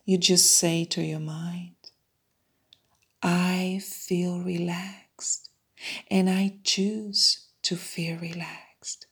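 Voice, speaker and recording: Very slow whispering woman, breathy. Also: on the low side, little pitch movement. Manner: soft unvoiced whisper, soothing repeated suggestions. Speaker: meditation guide. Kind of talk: whispered guided hypnosis meditation.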